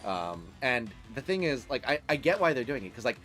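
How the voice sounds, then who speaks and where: A man's voice: medium pitch, very animated, a little fast, fairly bright tone, faint music behind. A man chatting casually on a live stream while playing a game, rambling and laughing often.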